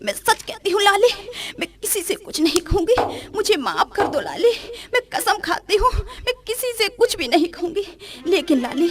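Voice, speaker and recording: A woman's voice: very high-pitched, big pitch swings, moderate pace, few pauses. A young woman playing a timid, mistreated daughter-in-law who pleads tearfully in a rural film. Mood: pleading. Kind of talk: rural Hindi film acting.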